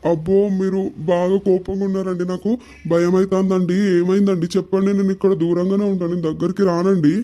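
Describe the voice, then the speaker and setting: A woman's voice: fairly low pitch, level tone, fast, lightly acted. A woman doing a timid, weepy village husband. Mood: timid, pleading. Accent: Telangana Telugu. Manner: pleading, fearful, soft-spoken. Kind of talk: cartoon voice acting.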